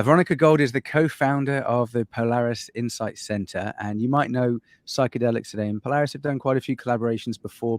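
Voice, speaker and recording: A man's voice: on the low side, no echo. A man moderating a webinar panel over a video call, upbeat and affirming as he introduces speakers.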